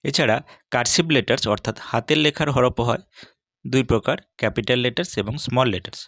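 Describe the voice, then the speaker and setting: A man giving a steady, measured lesson as an English teacher, walking through letters one by one. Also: medium pitch, no room sound, clean studio sound. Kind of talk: scripted lesson on English consonant sounds.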